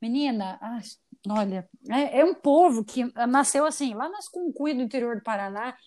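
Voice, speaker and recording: A woman who is a guest on a podcast, ranting in a lively, profane, casual way. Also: on the high side, moderate pace. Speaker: guest artist and English teacher.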